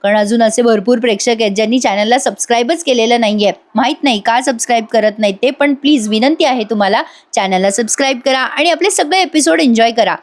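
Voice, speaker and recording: A woman's voice: a little high, fast. Chatty woman recapping a serial. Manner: chatty, addresses viewers directly. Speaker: serial review host. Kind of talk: casual voice-over episode recap.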